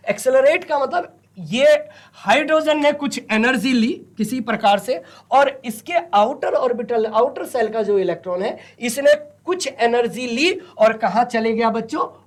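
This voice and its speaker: A male physics teacher giving a studio lecture for a virtual classroom, who asks the class a question and answers it himself. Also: very high voice. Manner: asks questions and answers them himself, calls students "children". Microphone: studio mic.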